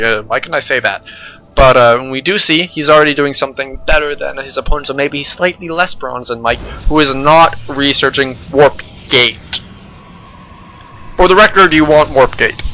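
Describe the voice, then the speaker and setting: Young man, sarcastic game commentary, bright forward voice, faint hiss behind. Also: medium pitch, rough recording. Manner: joking, sarcastic. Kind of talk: casual gameplay commentary.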